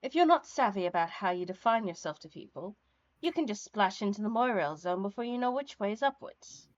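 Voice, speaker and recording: An Australian woman voicing a grumpy teenage boy troll in a flat, read-aloud way. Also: mid-range voice, fairly quick, dull audio, pitched below the performer's own voice, close to an everyday voice. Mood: irritated.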